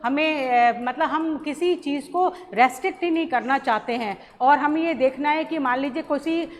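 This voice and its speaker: A woman college lecturer giving a recorded lesson, explaining slowly with many pauses and restarts. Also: high voice. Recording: roomy hall echo, faint ambience.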